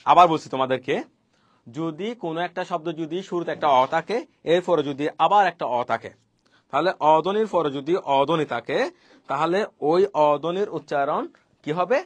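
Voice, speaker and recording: His voice is on the high side and his pace moderate, with no echo. The man is teaching pronunciation rules in a fast online lesson, repeating each point and quizzing his students.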